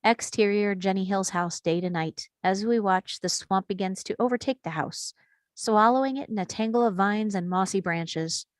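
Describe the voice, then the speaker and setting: At a table read, a woman narrates the scripted screenplay action and scene headings as the stage directions reader. She speaks at medium pitch and normal speed, and the recording is dry.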